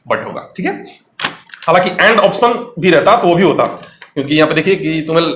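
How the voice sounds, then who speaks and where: Man teaching grammar in an echoey room. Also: fairly high pitch. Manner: explains step by step, quizzing the viewer. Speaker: English teacher. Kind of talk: exam-prep grammar lecture.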